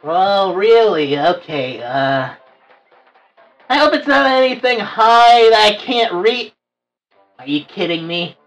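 A woman's voice: mid-range voice, animated, slow, pauses often, far from the mic, soft background music, rough recording. A woman voicing Bendy, a short, grumpy, whiny cartoon devil who hates work and complains petulantly. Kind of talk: improvised cartoon roleplay.

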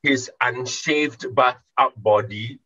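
Husky Singaporean man, lo-fi mic. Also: medium pitch, takes it slowly, bright, forceful tone. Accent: Singaporean English. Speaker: panel co-host. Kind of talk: casual chat.

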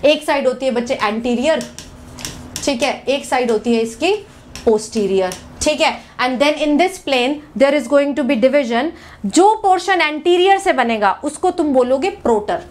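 A woman's voice: sits high, expressive, measured pace. A young Indian woman teaching a live online biology lesson, switching between Hindi and English, addressing students as "beta" and quizzing them constantly.

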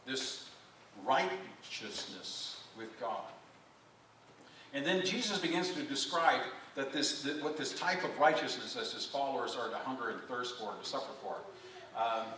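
A male pastor preaching a sermon, animated, with rhetorical questions and repeated phrases, recorded from a distance in a church. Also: mid-range voice, measured pace. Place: church sanctuary. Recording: echoey church from a distance, faint room noise.

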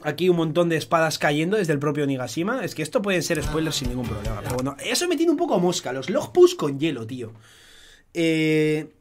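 A young man from Spain with a Spanish accent, talking excitedly through a casual live-stream commentary, swearing often in chatty fan banter. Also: fairly high pitch, a little fast. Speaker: streamer analyzing an anime opening.

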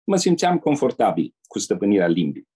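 An older man from Romania speaks in a warm, mellow and slightly husky voice. He tells his memories slowly as a guest in an interview. He often slips into the voices of the people in his stories. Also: lowish voice, wildly swooping pitch. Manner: measured storyteller who acts out quoted people. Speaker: guest, retired diplomat. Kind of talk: anecdotal interview storytelling.

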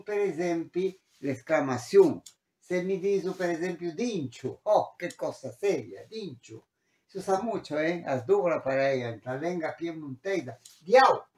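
Slow-speaking male teacher in an echoey room. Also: on the high side. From Argentina. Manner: explanatory, repeats words and switches between languages; tags sentences with questioning "eh?". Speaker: language teacher. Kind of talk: online language lesson. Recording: roomy echo.

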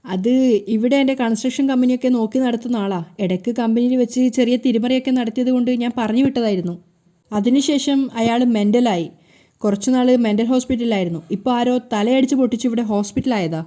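A woman voicing a smooth-talking, scheming middle-aged man who lies persuasively. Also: a little high, quick pace, dark tone, lightly acted.

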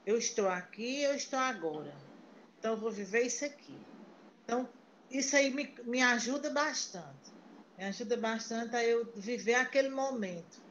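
A woman talks over a video call in a chatty, rambling way, restarting her sentences often. Her voice sits a little high. The sound is muffled like a laptop mic. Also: lively intonation, moderate pace, a bit bright, slight background noise. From Paraíba, Brazil. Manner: chatty, storytelling, many restarts. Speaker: meeting participant. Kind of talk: casual chat on a video call.

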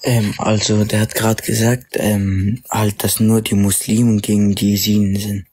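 A man's voice: fairly low pitch, flat delivery, unhurried, darkish tone, breathy edge. A man in an online debate, hesitant with fillers but insistent on getting an answer. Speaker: Yazidi participant in a live group stream.

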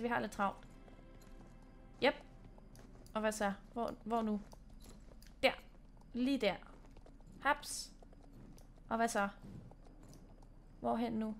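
A young woman from Denmark chats playfully through a horse-riding game. Her voice sits fairly high. The commentary is casual and loose. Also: slight background noise. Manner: chatty, playful, giggly. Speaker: gaming channel host.

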